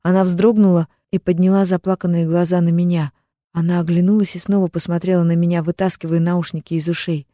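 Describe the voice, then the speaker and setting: Woman audiobook narrator, first-person story, soft even delivery, mellow dark tone, dry close sound. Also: fairly low pitch, fast, no room sound.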